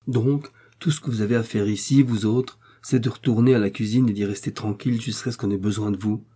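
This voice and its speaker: Guy reading as a bossy innkeeper's wife, raised voice, dark husky tone, storybook. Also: on the low side, fairly even intonation, fairly quick. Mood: scolding. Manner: commanding, scolding. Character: stern, formidable innkeeper's wife.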